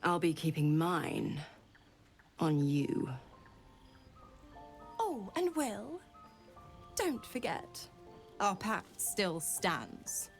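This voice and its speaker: A woman's voice: on the low side, very animated, very slow, pauses often, faint music behind, heavily acted. An actress voicing a scheming female devil patron from a video game, who talks in a purring, taunting way. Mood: mocking.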